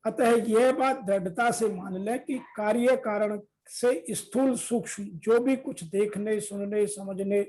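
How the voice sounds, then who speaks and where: A woman giving a scripture commentary, deliberately reading translations as measured lists. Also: medium pitch, darkish tone, poor audio. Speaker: Gita discourse teacher.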